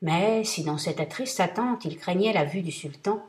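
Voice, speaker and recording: A woman narrating a classic tale in a steady, measured reading voice. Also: on the low side. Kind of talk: storybook reading.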